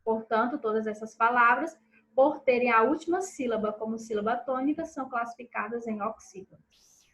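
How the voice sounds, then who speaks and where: A woman teacher works through a recorded review lesson, checking in with pupils after each answer and stressing syllables slowly and clearly. Her voice is on the high side and a bit bright, and the recording is rough.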